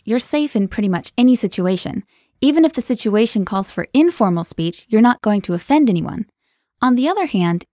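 A woman's voice: medium pitch, dark tone, no room sound. Cheerful woman teaching in a dry studio. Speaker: language lesson co-host. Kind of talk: scripted podcast lesson.

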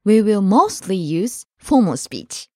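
Woman co-host, lively pitch, careful teaching delivery, dry close mic. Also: slow, no room sound. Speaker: language lesson co-host and native-speaker model. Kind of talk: scripted podcast lesson.

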